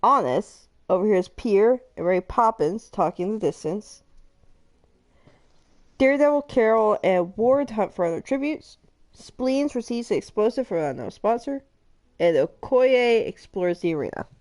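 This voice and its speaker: A woman's voice: medium pitch, expressive, moderate pace, darkish tone. A woman hosting a live game stream, chatting casually and reading game events aloud, giggling often between lines. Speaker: streamer host.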